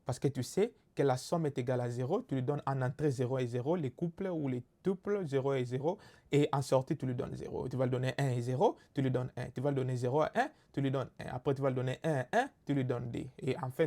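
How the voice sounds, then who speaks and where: A man with a Congolese French accent teaches a recorded lesson in a mid-range voice. He explains patiently and step by step. He often pauses on fillers and checks that his listeners follow. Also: mid-range voice, mellow. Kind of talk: recorded lecture.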